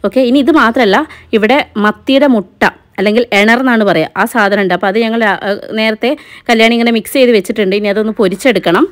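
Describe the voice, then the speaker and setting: A woman's voice: fairly high pitch, fast talker. A woman chatting casually to viewers while cooking at home, filmed on a handheld phone. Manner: chatty, addresses viewers as guys. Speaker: vlogger and mother. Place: home kitchen and living room.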